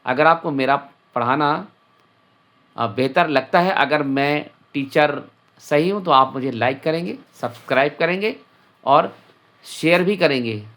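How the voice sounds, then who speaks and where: A male teacher leads a children's English lesson in an unhurried, patient way. He spells each word out letter by letter, then repeats it, and speaks directly to the children. His voice sits a little high, and his pace stays slow throughout. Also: fairly bright tone.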